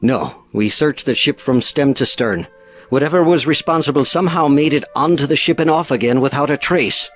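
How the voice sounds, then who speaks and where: A man's voice: medium pitch, normal speed, faint music behind, lightly acted. A man playing a weary, firm ship's captain in command of an expedition, formal and authoritative, in an audio drama.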